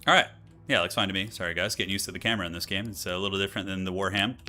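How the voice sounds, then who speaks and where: Over game music, a male streamer delivers rapid-fire, slangy commentary while playing a strategy game, thinking out loud. His low voice has a bright, forceful tone.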